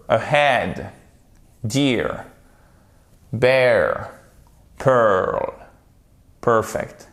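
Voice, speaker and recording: A man's voice: lowish voice, darkish tone. A man teaching English pronunciation in a video lesson, encouraging and talking straight to his viewers. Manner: slow, drawn-out English model words; encouraging, addresses viewers directly.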